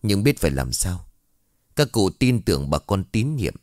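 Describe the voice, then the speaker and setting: Weary old village chief, scared but dutiful, low hushed delivery, read by the narrator, ghost-story audio. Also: male voice, sing-song, moderate pace, dry recording, studio quality. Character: older village head, frightened but dutiful.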